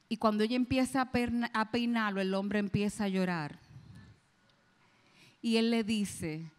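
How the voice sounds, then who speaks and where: A woman preaching a sermon, telling a story with quoted voices and slowing down and dropping low on key phrases. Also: long reverb tail.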